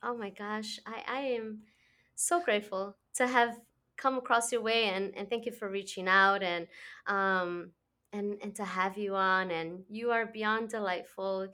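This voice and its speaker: A woman's voice: mid-range voice, fairly even intonation, measured pace, pushed and bright. Woman, podcast host, effusive, restarts, casual interview chat. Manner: effusive, many restarts and laughs.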